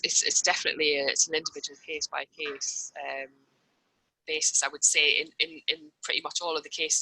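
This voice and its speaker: A woman's voice: low voice, bright, forceful tone, breathy edge, no echo, poor audio. A woman researcher answering seminar questions in a thoughtful way with many restarts, her mic audio dropping in and out. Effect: mic audio dropping in and out, uneven volume. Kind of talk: academic presentation and Q&A.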